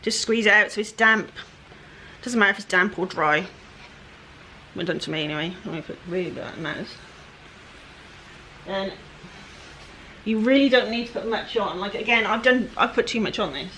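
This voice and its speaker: A woman's voice: medium pitch, moderate pace, pauses often, bright, forceful tone, slight background noise. Rambly west country lady chatting through a furniture flip, easygoing and self-mocking. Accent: West Country English. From England-Wales border, UK. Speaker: furniture flipper. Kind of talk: casual DIY vlog narration.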